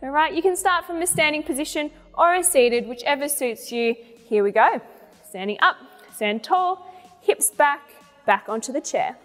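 High-voiced woman coaching a workout. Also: lively intonation, normal speed. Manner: encouraging, cueing movements while demonstrating them. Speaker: fitness instructor. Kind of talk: guided home workout instruction with counts and cues. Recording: long reverberant room, music behind. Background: music.

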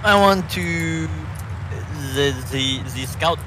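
A man's voice: a little high, slow pace. A man chatting in a laid-back way with friends on voice chat during an online game. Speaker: gamer. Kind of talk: casual gaming chat. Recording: noisy voice chat mic.

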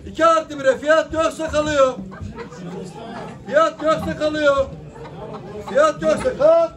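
A man's voice: extremely high pitch, fairly even intonation, slow pace. A middle-aged man working as an auctioneer, calling out bids and repeating prices insistently. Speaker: auctioneer at a live poultry auction. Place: small indoor auction room with caged birds. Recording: distant mic, noisy crowd with bird sounds. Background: crowd chatter, chickens and pigeons.

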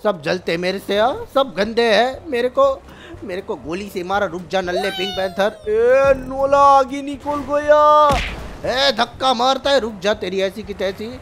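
Excitable and teasing, a male gaming host narrates gameplay with character voices and plenty of exclamations. The voice is high and gravelly, the pace moderate, with soft music in the background.

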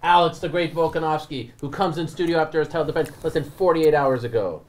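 A man in his thirties, a guest journalist, chatting and teasing at a studio cooking segment. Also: fairly high pitch. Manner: quick, chatty, teasing and full of praise. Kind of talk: casual chat. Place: studio set with shelves of collectibles. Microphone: lapel mic.

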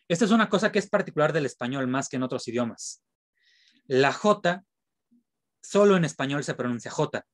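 A man teaching an online class as a French teacher, patiently spelling out sounds slowly and repeating them. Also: on the high side, no room sound.

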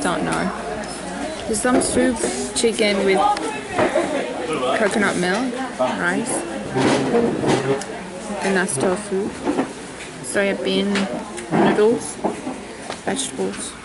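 A young woman talking to her handheld camera while walking through a shopping centre, chatty and excitable. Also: medium pitch, slow, creaky, pauses often. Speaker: vlogger. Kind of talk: casual travel vlog. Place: busy shopping centre indoors. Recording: camera mic, loud crowd and noise. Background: loud crowd chatter and noise.

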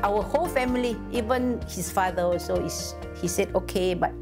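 A woman's voice: medium pitch, moderate pace. A woman, the athlete's mother, talking in an earnest, caring way in an interview. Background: music.

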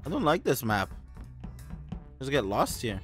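A man's voice: medium pitch, huge pitch swings, unhurried. Man muttering over game voice chat. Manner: mutters to himself while playing. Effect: heard over online game voice chat. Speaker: gamer. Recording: background game music.

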